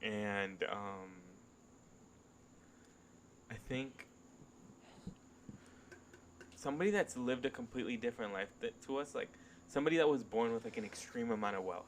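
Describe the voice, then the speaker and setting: A man's voice: mid-range voice, lively intonation, moderate pace, long pauses, slight background noise. A nineteen-year-old man co-hosting a casual podcast, chatty and hedging a lot with "like" and "right?". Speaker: podcast co-host. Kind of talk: casual chat.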